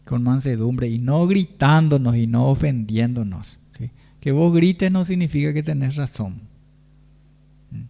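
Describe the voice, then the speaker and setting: A man with a Paraguayan Spanish accent preaching a Sunday sermon, pausing often and asking rhetorical questions of the congregation. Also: medium pitch, lively intonation, creaky, dark tone. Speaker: pastor.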